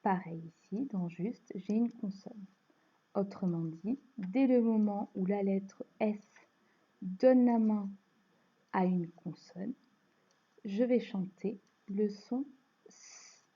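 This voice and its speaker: Woman, French accent, primary teacher, patient slow explaining, husky mellow voice, dull lo-fi sound. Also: mid-range voice. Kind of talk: phonics lesson. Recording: dull lo-fi recording.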